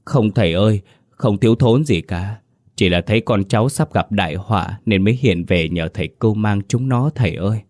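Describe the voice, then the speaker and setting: A man's voice: lowish voice, fairly quick, darkish tone, lightly acted. A man voicing the ghost of a grieving old woman who speaks through a possessed body, trembling and sobbing as she pleads. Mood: wailing.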